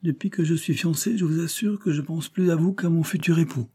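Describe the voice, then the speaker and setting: A man's voice: fairly high pitch, brisk, dark tone, breathy edge, voice pushed up. A man reading aloud voices a talkative, impertinent rich young woman about to be married, in a lifted, teasing tone.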